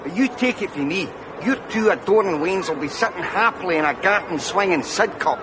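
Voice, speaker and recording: An actor with a Glaswegian accent playing a crude, wisecracking friend in a TV sitcom. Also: male voice, high voice, expressive, fairly quick, background noise. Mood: cheeky. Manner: leering, wisecracking, mock-consoling. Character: cheeky crude Glaswegian man, Rab's pal. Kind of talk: TV sitcom acting.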